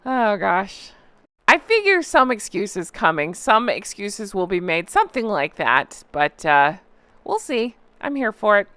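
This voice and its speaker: A woman's voice: mid-range voice, very animated, a little slow, a bit bright, clean tone, dry recording. A woman hosting a gossip recap in a casual, chatty, opinionated way, with a sarcastic, mocking and exclamatory delivery. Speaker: host of a celebrity gossip recap channel.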